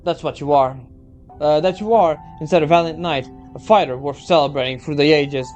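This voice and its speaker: Man playing female knight mentor, stern, admonishing, halting, game story, music behind. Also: on the high side, darkish tone, dull audio, close to an everyday voice. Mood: stern, reproachful. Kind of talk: game story read aloud.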